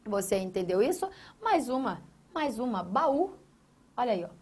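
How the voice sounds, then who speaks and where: A woman's voice: fairly high pitch, sing-song, normal speed, a little mellow, husky. A woman teaching a grammar lesson, emphatic, asking questions and answering them herself, repeating key phrases. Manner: emphatic, asks and answers her own questions; addresses a student by name, repeats key phrases.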